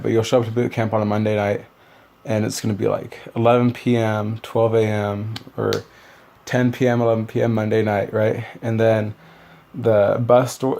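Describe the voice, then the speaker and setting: A young man talks through his story in a casual, meandering way, often stopping to restart a thought. His voice has a gravelly, creaky edge. He stays fairly flat in pitch and rarely rises or falls much. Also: normal speed. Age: young adult. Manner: rambling, loose, many fillers and restarts. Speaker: new Marine recalling boot camp.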